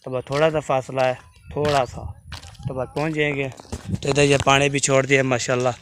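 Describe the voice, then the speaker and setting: A man from Pakistan vlogging as he walks outdoors, talking slowly and carefully, with many repeated fillers and pious phrases. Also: medium pitch, level tone, fairly bright tone, a little hiss or hum. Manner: speaks slowly and deliberately, says his tongue slips. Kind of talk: casual walking vlog. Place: outdoors, walking along a village road.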